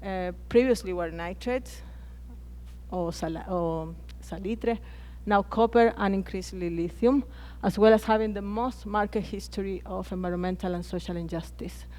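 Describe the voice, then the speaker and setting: A woman from Chile with a Chilean Spanish accent, speaking English as a second language on a conference panel, pausing often and restarting her phrases. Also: mid-range voice, darkish tone. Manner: hesitant, frequent restarts and fillers.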